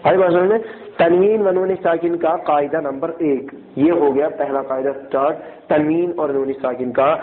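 A man teaching a recitation class, often quizzing students and repeating key points, and slowly chanting syllables aloud for drill. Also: a little high, fairly even intonation. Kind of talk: classroom tajweed lesson. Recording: echoey room, thin phone-like sound.

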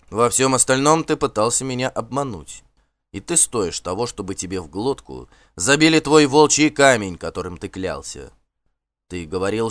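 A man's voice: fairly low pitch, no echo. A man voicing a stern, contemptuous Norse warlord in an audiobook, commanding and scornful. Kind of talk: audiobook character voice.

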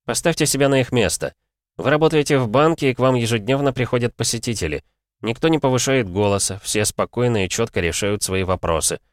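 A man doing a calm Interpol expert. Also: medium pitch, no room sound, studio quality, pitched above the performer's own voice, lightly acted. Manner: measured and explaining. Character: calm, self-possessed male Interpol expert.

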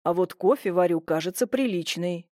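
Audiobook: a woman doing a teasing young lover, lower, hushed voice. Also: expressive, normal speed, no echo, clean studio sound, close to an everyday voice. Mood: wry. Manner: teasing, warm and easygoing. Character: cheerful playful young man, a lover.

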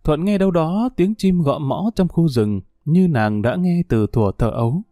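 A man calmly narrating a story as an audiobook reader. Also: on the high side, measured pace, dry recording, clean studio sound.

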